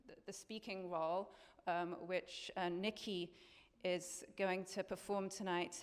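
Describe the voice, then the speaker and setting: Smooth-voiced woman conductor lecturing in a hall. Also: medium pitch. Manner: hesitant, many fillers and restarts. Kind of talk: pre-concert lecture.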